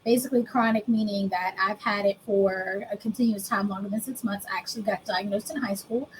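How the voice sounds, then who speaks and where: A woman's voice: mid-range voice, steady tone, brisk, slight background noise, poor audio. A woman in her thirties from the United States, candidly telling her own story as an interview guest, plain and self-mocking. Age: 30s. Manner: candid, explains plainly, laughs at herself.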